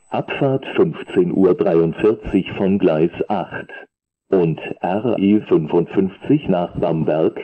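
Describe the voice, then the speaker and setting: A man makes flat platform announcements as a station announcer. His voice is low and he speaks slowly in measured, separate phrases. The sound is dull, like a station loudspeaker.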